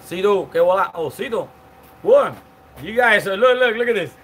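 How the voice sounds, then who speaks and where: A man in his forties, Cuban, hosts a casual outdoor live stream from a patio lined with palm trees, rambling through viewer comments and greeting people by name. His voice is high, expressive and fairly bright, at a normal speed, with a little hiss or hum. He's chatty and full of fillers and restarts.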